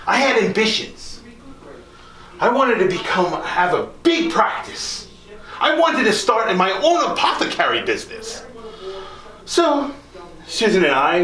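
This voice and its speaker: A costumed tour performer with a fairly bright, higher voice plays a genteel nineteenth-century country doctor, telling his life story to a live group in a theatrical, folksy monologue that addresses listeners directly. The proud character reminisces and later grieves, and the live performance sits in an echoey room.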